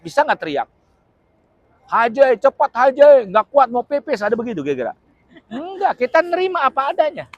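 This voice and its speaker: A man preaching to a live audience in a fairly high voice, swinging between jokes and earnest points. He keeps checking in with his listeners and throws in acted-out shouts. The sound is close and dry. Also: no room sound. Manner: humorous, keeps asking the audience questions; acts out short dramatic quotes with shouts. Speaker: Islamic preacher. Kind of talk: lively religious lecture to a live audience.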